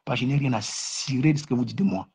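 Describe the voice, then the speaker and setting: On a casual live stream, a man with a fast, darkish, husky voice rants and mocks other creators, repeating himself and stammering as he restarts his sentences. The stream's audio is muffled and low-fidelity.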